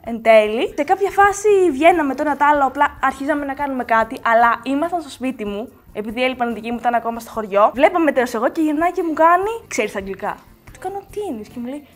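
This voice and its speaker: A young woman from Greece, a guest on a talk show, animatedly telling a dating story in casual chat. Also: high voice. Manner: animated storytelling, laughs often.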